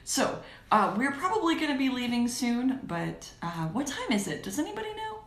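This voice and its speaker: A woman's voice: a little high, sing-song, normal speed, a bit bright, reverberant, a little hiss or hum. A woman playing the male archangel Gabriel on a cosplay role-play livestream, chatting in a playful way. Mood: chatty playful. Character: Archangel Gabriel, a cheerful, pompous male angel.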